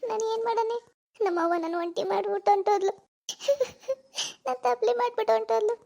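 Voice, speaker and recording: A woman's voice: very high-pitched, rapid-fire, gravelly, dark tone, voice pushed up. A woman voicing a grief-stricken young village woman in a cartoon, sobbing and pleading. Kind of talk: cartoon voice acting.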